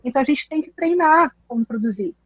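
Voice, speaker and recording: High-voiced woman teaching animatedly. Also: quick pace, no room sound, lo-fi sound. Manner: animated, explanatory, laughs often. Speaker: English teacher co-hosting. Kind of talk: casual teaching chat.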